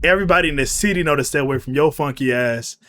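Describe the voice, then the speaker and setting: A man streaming a casual reaction to a video, slangy and animated, swinging between incredulous shouts and muttered asides. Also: a little high, racing, slight background noise.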